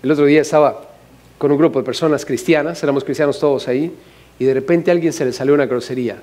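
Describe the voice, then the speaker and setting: A man from Mexico with a Mexican accent, a pastor preaching a humorous, animated sermon full of questions to the congregation. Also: a little high, quick pace. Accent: Mexican Spanish.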